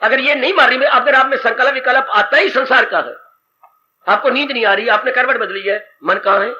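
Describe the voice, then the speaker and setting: A man's voice: extremely high pitch, a little fast, bright, forceful tone. A man giving a devotional sermon, dramatic and rhetorical, with sighing exclamations. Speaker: spiritual teacher. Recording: muffled old tape with faint hiss.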